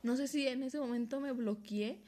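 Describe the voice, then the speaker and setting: A young woman with a Mexican accent on a casual podcast, telling a scary story in an excitable way, with swearing and laughter. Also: high-pitched, normal speed. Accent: Mexican Spanish. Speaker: podcast co-host.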